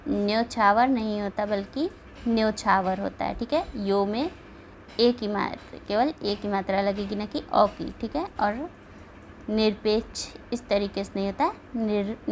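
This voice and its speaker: A woman's voice: mid-range voice, unhurried, a little hiss or hum, low-quality recording. A woman teaching an exam-prep spelling lesson, reading out the answer options one by one and checking in with her students after each point. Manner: steady, checks in with repeated "ठीक है".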